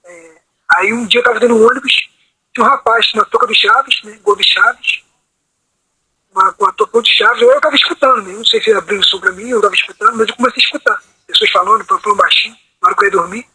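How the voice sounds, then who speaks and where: A man's voice: high voice, fast talker, sharp tone, breathy edge, no echo, low-quality recording. Rambling man on a video call. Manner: rambling, repeats "entendeu?" constantly. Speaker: meeting participant. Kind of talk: personal account on a video call.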